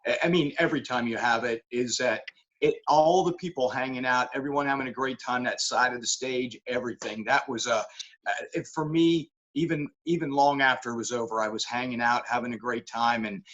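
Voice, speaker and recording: A man with a mid-pitched voice talks with eager enthusiasm, rambling and restarting as he chats. He is a guest in a casual interview on a video call. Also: fairly even intonation, fairly quick, a bit bright, muffled recording. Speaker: rock musician guest.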